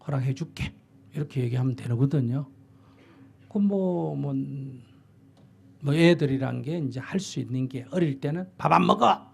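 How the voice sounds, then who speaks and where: Gravelly monk. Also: male voice, medium pitch, measured pace, pauses often, dark tone. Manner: blunt, plain-spoken advice, acting out parent and child lines. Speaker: Buddhist monk giving advice. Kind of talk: dharma talk answering a question.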